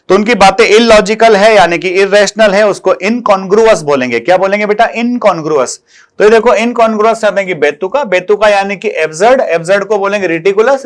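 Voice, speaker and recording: A man teaching English vocabulary in Hindi in an online exam-prep lesson, calling his students "beta" and posing questions he answers himself. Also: sits high. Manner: addresses students fondly as "beta" and "bachche", asks and answers his own questions.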